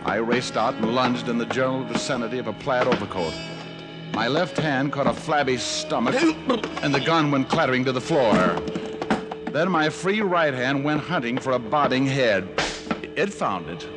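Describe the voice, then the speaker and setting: A man's voice: medium pitch, lively intonation, moderate pace, loud music behind the voice, close to an everyday voice. An actor playing a wisecracking, hard-boiled male private detective in 1940s radio style, wry and sardonic. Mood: tense narration.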